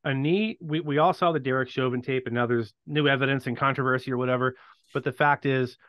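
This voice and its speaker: A man co-hosting casual commentary on a video, steady and agreeable, asking questions. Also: medium pitch, fast, no echo, lo-fi sound. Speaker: co-host.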